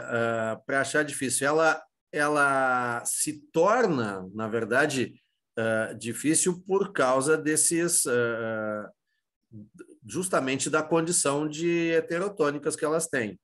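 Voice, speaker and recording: A man with a Brazilian Portuguese accent teaching an exam-prep Spanish lesson, who asks and answers his own questions in an informal, halting way. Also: medium pitch, a bit bright. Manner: many fillers and restarts, informal.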